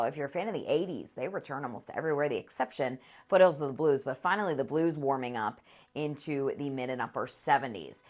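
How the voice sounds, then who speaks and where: A woman presenting a TV weather forecast in a conversational, upbeat way. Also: low-pitched. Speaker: meteorologist.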